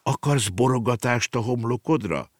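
A man's voice: mid-range voice, no echo, studio quality, voice pushed up, close to an everyday voice. A man voicing a prim, worried middle-aged mother who fusses and speaks sternly in a storybook reading. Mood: fussing. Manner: stern, fussing.

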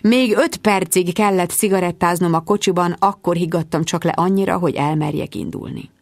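A woman narrating a novel in first person, with a lively, expressive reading. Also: on the low side, dry recording, clean studio sound. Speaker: audiobook narrator.

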